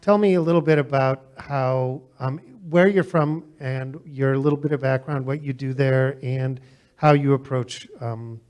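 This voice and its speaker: A man's voice: medium pitch, steady tone, measured pace, darkish tone, smooth. An American man moderating a panel in a conversational style, steering talk between guests.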